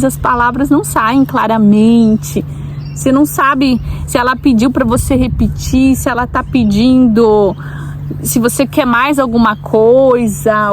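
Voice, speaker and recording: Chatty Brazilian woman vlogger, noisy background. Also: a little high. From Brazil, Santa Catarina. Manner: chatty, asks viewers directly, frequent tag questions. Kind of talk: casual talk to camera. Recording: noticeable background noise.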